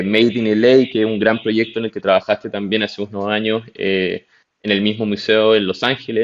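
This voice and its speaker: A man hosting an interview, asking courteous, long and winding questions. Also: lowish voice. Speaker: interviewer, gallery director. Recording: dull lo-fi audio.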